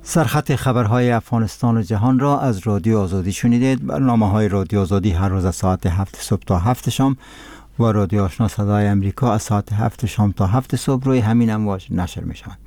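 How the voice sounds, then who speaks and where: A man's voice: fairly low pitch, warm tone, no echo. A man with an Afghan accent presenting on radio in a solemn, formal announcing style. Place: dry radio studio.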